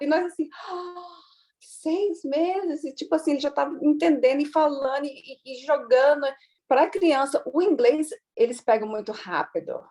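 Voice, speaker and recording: Brazilian woman telling a story in an interview, high voice, lively, keeps restarting. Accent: Brazilian Portuguese. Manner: lively, chatty, trails off and restarts. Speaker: interview guest.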